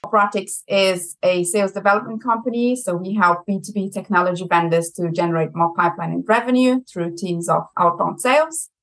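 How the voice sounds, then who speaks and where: A young adult Brazilian woman with a German accent, a marketing executive, guests on a conversational interview, chatty, lively and laughing often. Her lowish voice is a little fast with hardly any pauses, and the recording is rough.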